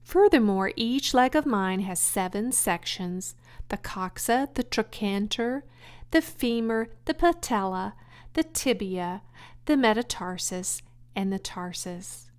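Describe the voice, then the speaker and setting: A woman's voice: mid-range voice, expressive, slow pace. A woman voicing a wise, patient female spider who explains things precisely in a storybook. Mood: matter-of-fact.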